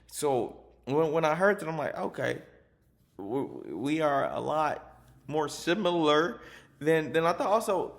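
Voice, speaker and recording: A man speaks with passion and emphasis, giving a personal reflection from his life as a teacher. His voice sits a little high and has a gravelly, creaky texture. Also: animated, unhurried.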